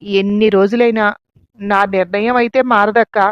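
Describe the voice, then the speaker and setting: A woman's voice: medium pitch, steady tone, moderate pace, clean tone, no room sound, lightly acted. A woman voicing a stubborn, heartbroken young wife. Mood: defiant. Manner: weary, quietly defiant. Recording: dull lo-fi, dry.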